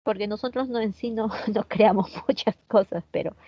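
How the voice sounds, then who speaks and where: A woman's voice: medium pitch, moderate pace, breathy edge, no echo, lo-fi sound. A Peruvian woman with a Peruvian Spanish accent teaching an online chemistry class, chatty, often asking her students questions and answering their comments. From Peru.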